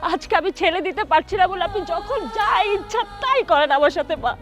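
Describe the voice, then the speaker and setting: A woman's voice: very high-pitched, expressive, moderate pace, a bit bright, faint music behind. An actress playing a wronged young mother who pleads with her mother-in-law. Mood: pleading. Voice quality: pleading, tearful. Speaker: daughter-in-law.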